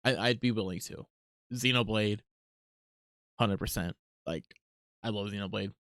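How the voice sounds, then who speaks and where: A man's voice: fairly low pitch, a little slow, a bit bright, no echo. A man streaming live while he works on art, talking casually and rambling as he thinks aloud, with lots of ums and likes.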